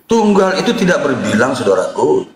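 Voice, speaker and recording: A man's voice: mid-range voice, sing-song, normal speed, a loud crowd. A man speaking as a preacher in an online debate with an echo effect on his voice, preachy, calling listeners brother. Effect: echo reverb on his voice. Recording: heavy echo, faint ambience.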